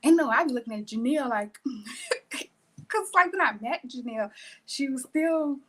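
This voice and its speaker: Woman in her thirties, high voice, loose rambling podcast talk. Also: animated, moderate pace. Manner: warm-hearted, rambling, laughs while talking. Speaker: podcast co-host. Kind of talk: casual chat.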